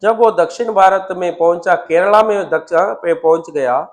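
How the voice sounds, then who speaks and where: Animated Indian male temple storyteller. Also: sits high, moderate pace. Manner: animated storyteller, acting out dialogue and repeating words for effect. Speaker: temple preacher. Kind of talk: storytelling sermon.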